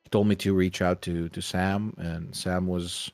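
Co-host, male, low voice, rambling and hesitant, dry mic, faint music bed. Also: little pitch movement, unhurried, a little mellow, no room sound. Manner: rambling, hesitant, many restarts. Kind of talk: casual chat.

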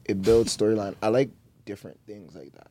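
A man's voice: on the low side, steady tone, a little fast, dark tone, a little hiss or hum. A man with a Toronto accent in casual, slangy podcast banter, often repeating and circling back on his phrases. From Toronto, Canada. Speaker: podcast host.

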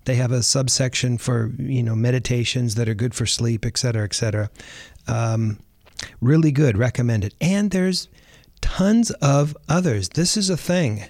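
A man hosting a podcast, talking in a relaxed, chatty way and often repeating words as he thinks. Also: medium pitch, moderate pace, no echo. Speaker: podcast host. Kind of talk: casual podcast talk.

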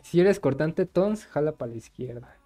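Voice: medium pitch, expressive, moderate pace, mellow. Mexican podcast host, slangy and sweary. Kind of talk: casual, crude joking podcast chat. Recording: music behind the voice. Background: music.

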